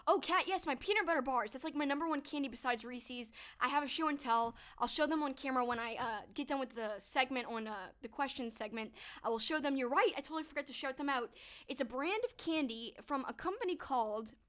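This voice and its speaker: A young woman talks fairly quickly in a high voice with a fairly bright tone. She's a streamer answering her viewers' questions in casual live chat, cheerful and filled with "like" and "um," though her voice is worn, fading, and going.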